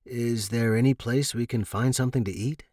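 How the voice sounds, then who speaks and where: A man voicing a shy young man, gentle and reassuring, in a storybook reading. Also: medium pitch, fairly even intonation, normal speed, dry recording, clean studio sound, natural voice. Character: shy, easygoing young man lost underground.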